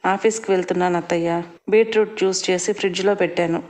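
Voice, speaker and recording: A woman voicing a caring, busy adult mother who talks softly and reassuringly. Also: lowish voice, steady tone, quick pace, close to an everyday voice.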